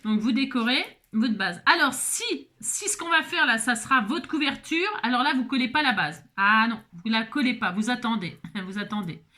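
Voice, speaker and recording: A woman's voice: high voice, animated, normal speed, few pauses, bright, forceful tone. A woman hosting a home craft tutorial, chatting casually as she works and often checking in with the viewer, with plenty of fillers while she thinks aloud. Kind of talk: casual step-by-step craft demonstration.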